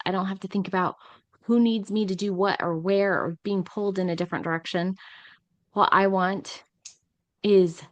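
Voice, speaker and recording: A woman's voice: mid-range voice, no room sound. A middle-aged woman co-hosting a podcast, rambling casually with lots of "like" and "um". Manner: rambling, filler-heavy, uses many "like"s. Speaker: podcast co-host.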